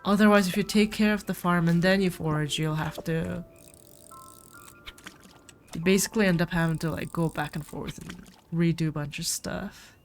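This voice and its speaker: A woman sick with a cold streams a farming game, rambling casually to her viewers as faint game music plays. Her voice is on the low side with a steady tone and a moderate pace.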